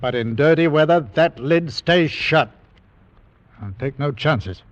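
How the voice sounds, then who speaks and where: An actor playing a gruff, cautious ship captain in a 1940s radio drama, with clipped speech. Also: male voice, a little high, lively intonation, slow. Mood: brusque. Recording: dull old radio recording.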